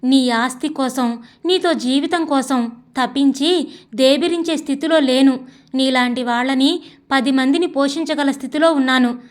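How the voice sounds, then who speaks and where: A proud wife with a cutting, accusing tongue, speaking in a high voice, voiced by a woman. She delivers each line with pointed force in an audio story. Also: moderate pace, natural voice. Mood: cold, steady. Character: angry proud wife confronting her husband. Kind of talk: audiobook character voice.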